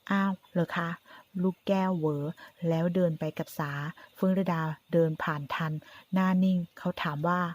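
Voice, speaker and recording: A woman narrating a drama story in a steady, even reading. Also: on the low side, moderate pace, few pauses.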